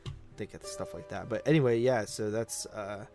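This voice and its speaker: A man co-hosts a podcast, chatting about movies in loose, conversational phrasing that keeps looping back on itself. His voice is lowish and mellow at a moderate pace, with soft music playing in the background.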